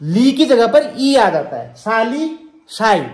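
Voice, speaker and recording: A man's voice: very high voice, big pitch swings, takes it slowly. A man from the Kumaon hills, teaching words in a spoken lesson, repeating each word and quizzing his listeners. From Kumaon, Uttarakhand. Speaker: language teacher. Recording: echoey room.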